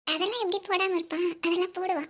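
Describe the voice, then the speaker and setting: A woman voicing a tearful high-voiced young bride. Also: steady tone, fast talker. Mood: tender. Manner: tearful, soft-spoken. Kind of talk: cartoon voice acting.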